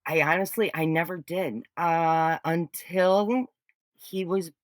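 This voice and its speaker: A woman in her forties telling personal stories in a casual podcast chat, blunt and animated, with some swearing. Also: lowish voice, slow, no room sound. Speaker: guest.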